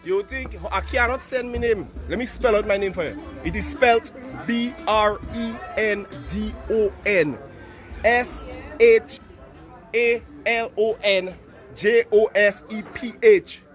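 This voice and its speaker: A man's voice: high-pitched, measured pace, soft background music. A man on a casual live stream outdoors in a town street, playfully teasing viewers and people passing by. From Grenada.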